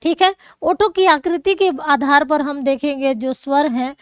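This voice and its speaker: A woman's voice: high-pitched, a little slow, dry recording, clean studio sound. A woman teacher explaining grammar rules step by step, checking in often with her students. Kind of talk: classroom lesson.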